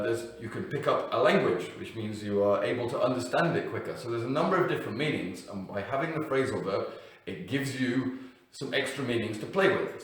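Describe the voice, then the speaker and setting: A man explaining English grammar to learners, talking off the cuff and stressing each example word. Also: mid-range voice. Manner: unscripted, with fillers and self-corrections, emphatic on example words. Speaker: English teacher. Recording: echoey room, mic at a distance.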